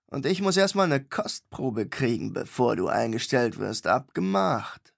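A male audiobook reader voicing a grubby, gruff middle-aged tavern keeper who talks bluntly in coarse slang. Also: mid-range voice, big pitch swings, a little slow, exaggerated voice.

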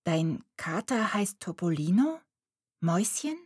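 A woman voicing a shy, curious village girl who asks hesitant, gentle questions in an audiobook. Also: medium pitch, expressive, a little slow, slightly rough, no room sound, studio quality, voice pushed up. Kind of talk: audiobook character voice.

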